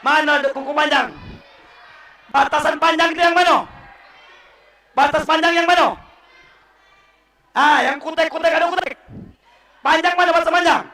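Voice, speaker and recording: A man preaching at a mosque to school students with a Palembang accent, animated and quizzing his listeners, correcting their recitation. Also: extremely high pitch, moderate pace, long pauses. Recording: echoey room, voice from far off.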